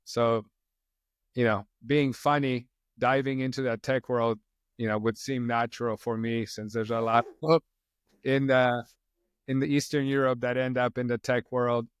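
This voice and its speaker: A middle-aged man from Poland, a podcast guest chatting casually in a relaxed, rambling way with frequent fillers. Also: medium pitch, a little slow, clear, resonant tone, no echo. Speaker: podcast guest, company co-founder. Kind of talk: casual interview chat.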